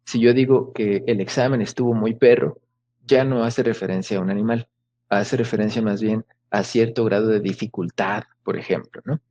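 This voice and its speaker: A man's voice: lowish voice, fairly even intonation, moderate pace, dark tone. A man giving an academic lecture over a video call, explaining patiently with many fillers and rhetorical questions. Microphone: video call microphone.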